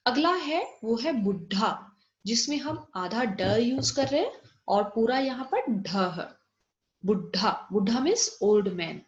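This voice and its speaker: A woman teacher with an Indian accent walks pupils through vocabulary, giving English meanings and asking if it is clear. Her voice sits a little high. The recording is roomy and dull, like a home lesson. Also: expressive. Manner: explains slowly, mixing English glosses, checks "clear?". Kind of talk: recorded online Hindi lesson.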